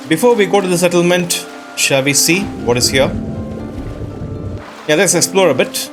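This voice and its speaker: A man hosts a casual let's-play, thinking aloud in short questions while game music plays behind his voice. He has a high-pitched voice and speaks at a moderate pace.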